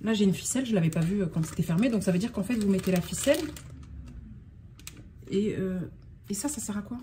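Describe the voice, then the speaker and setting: A woman's voice: mid-range voice, fast, noisy background. A woman from France in a casual unboxing vlog, talking in a scattered, self-interrupting way and getting worked up. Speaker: vlogger.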